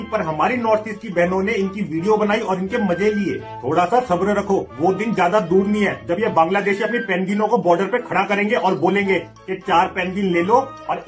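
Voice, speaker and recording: A man narrating a jeering, mocking commentary as a voice-over. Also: high-pitched.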